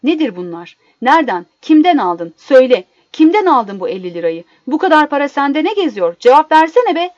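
A woman's voice: a little high, lively intonation, fairly quick, a little mellow, no room sound, lightly acted. A woman voicing a suspicious young husband who hurls demanding questions, in a dull lo-fi recording. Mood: accusing. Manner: demanding, accusing.

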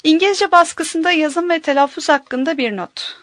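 A woman narrating an audiobook in a measured, careful way, minding each pronunciation. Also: sits high, a bit bright, dry recording.

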